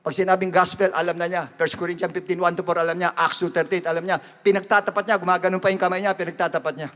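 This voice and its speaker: Male pastor, high-pitched, emphatic repetitive sermon delivery, echoing hall. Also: flat delivery, fast talker, fairly bright tone. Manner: emphatic preaching, repeats "brothers and sisters" often. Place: church. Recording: long reverb of a church hall.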